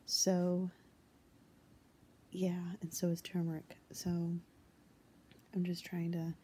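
A young woman chatting casually to camera in a hushed, near-whispering voice kept low, halting as she goes. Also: monotone, slight background noise. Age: young adult. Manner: hesitant, halting. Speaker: home cooking vlogger. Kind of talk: quiet casual chat to camera. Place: indoors in a home living room. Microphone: phone held at arm's length.

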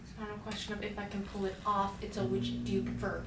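A woman's voice: mid-range voice, monotone, fast, music in the background. Young female vlogger, playful teasing, distant mic, roomy echo. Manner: joking, teasing. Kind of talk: casual chat. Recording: echoey room, mic far off, noisy.

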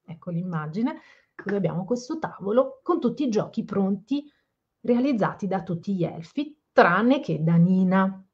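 A woman reading a children's picture book aloud and gently explaining the story to children. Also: mid-range voice, big pitch swings, moderate pace. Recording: slightly dull lo-fi sound.

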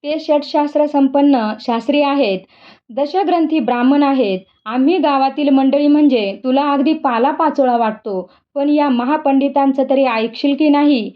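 A woman's voice: sits high, normal speed, close to an everyday voice. A hot-tempered older village Brahmin rants and flings insults, as a woman reads him aloud. The storybook reading sounds dull and lo-fi. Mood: angry. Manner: ranting, insulting.

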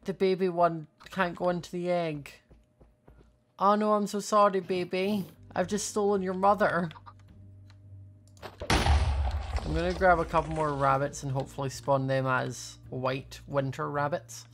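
Thinking out loud during a gaming video, a young female host offers light, playful commentary in a voice on the low side. She keeps a steady tone and an unhurried pace with frequent pauses, over faint background music.

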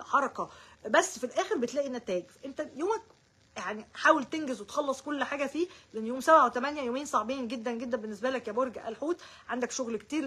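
A woman's voice: fairly high pitch, pushed and bright, husky. A woman with an Egyptian Arabic accent giving daily horoscope forecasts, rattling off short repeated words and speaking straight to each sign. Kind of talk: casual direct-to-viewer horoscope talk.

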